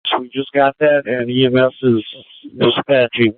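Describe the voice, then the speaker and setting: A man working as air command dispatcher, giving calm, procedural instructions over a two-way radio. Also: medium pitch, moderate pace, no echo. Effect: heard over a two-way radio. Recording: tinny dry radio transmission.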